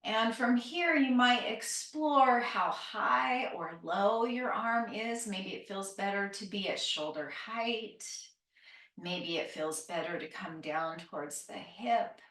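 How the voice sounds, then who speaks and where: A woman yoga instructor leading a calm grounding exercise, giving gentle, unhurried, encouraging cues for stretching and breathing, with phrases that end softly. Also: mid-range voice. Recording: roomy, echoing, distant microphone.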